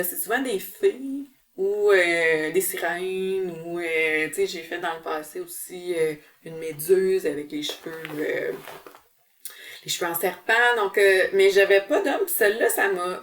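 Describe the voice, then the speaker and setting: A woman's voice: medium pitch, far from the mic. A woman with a Québécois French accent hosting a casual cross-stitch vlog, chatty and full of fillers and restarts. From Quebec, Canada. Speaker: cross-stitch channel host. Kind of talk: casual show-and-tell vlog.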